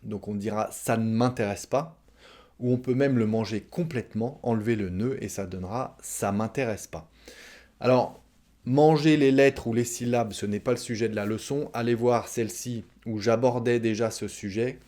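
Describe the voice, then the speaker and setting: A man with a French accent talks through a language lesson in an easy, conversational way. He explains patiently and drops into quick acted examples of everyday exchanges. His pitch sits in a plain middle range. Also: mellow. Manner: explains patiently, acts out short example dialogues. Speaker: French teacher. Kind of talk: casual spoken lesson.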